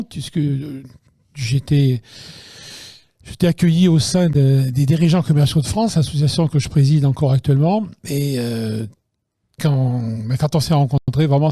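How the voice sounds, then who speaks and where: A man co-hosting a talk show, introducing his guest warmly and hesitantly, with many pauses and restarts. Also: fairly high pitch, no room sound, studio quality. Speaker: show co-host interviewing the guest. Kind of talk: casual talk-show interview. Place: studio.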